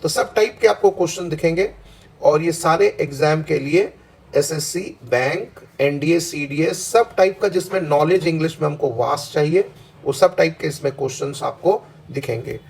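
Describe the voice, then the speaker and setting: A man, teaching an English exam practice lesson, explaining slowly and pausing between points. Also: fairly high pitch, creaky, husky, rough recording. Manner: slow deliberate explaining with pauses.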